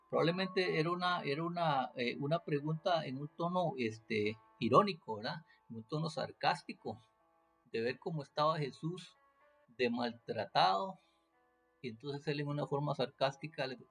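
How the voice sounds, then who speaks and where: Man, teaching scripture off the cuff; rough fry in the voice, lots of fillers and restarts. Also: on the high side, a bit bright. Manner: hesitant, many fillers and restarts, rhetorical questions. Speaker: preacher. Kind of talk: unscripted Bible teaching.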